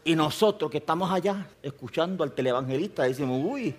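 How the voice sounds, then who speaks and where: A grandfatherly pastor with a notably high-pitched voice delivers a sermon. He talks to the congregation like a conversation, pressing his points with rhetorical questions and plain emphasis. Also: fast. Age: older.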